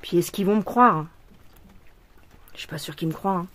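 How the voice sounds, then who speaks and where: A woman's voice: lowish voice, moderate pace, fairly bright tone, dry recording. A woman vlogging casually while she embroiders, venting her frustration, swearing and rambling with lots of restarts. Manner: rambling with many restarts and fillers. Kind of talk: casual vlog while stitching.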